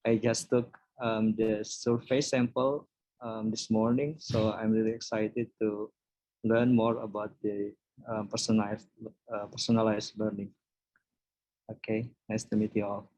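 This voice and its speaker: A man's voice: on the low side, flat delivery, unhurried, a little mellow, dry recording. A man from Indonesia introducing himself on a video call, hesitant and full of fillers. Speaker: university staff. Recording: dull dry call audio.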